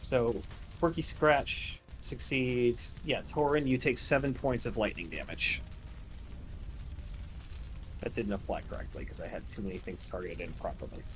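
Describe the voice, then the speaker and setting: A man's voice: medium pitch, moderate pace, fairly bright tone. Guy running a tabletop game, describing the fight and explaining the rules, bit of faint noise behind him. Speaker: game master.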